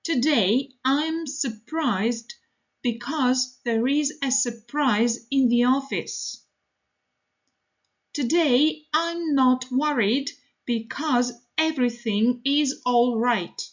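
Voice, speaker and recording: A woman teaching English, reading model sentences for learners in a slow, deliberate, evenly paced way. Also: high voice, dull audio.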